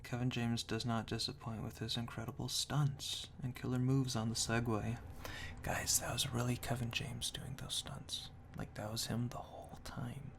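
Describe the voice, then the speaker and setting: Man whispering ear to ear, creaky ASMR. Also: normal speed. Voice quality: hushed, breathy whisper mixed with soft low murmur. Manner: dry, tongue-in-cheek deadpan. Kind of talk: ASMR whispered reading of product reviews with casual commentary. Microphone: binaural microphone, very close to the ears. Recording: close binaural ear-to-ear mic, faint noise.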